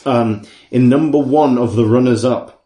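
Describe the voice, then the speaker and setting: A man co-hosting a podcast, reading out a list with jokes, swearing and frequent laughter, a little hoarse. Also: medium pitch, normal speed, warm tone. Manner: jokey, swearing, laughing often. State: losing his voice. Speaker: podcast co-host. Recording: roomy echo.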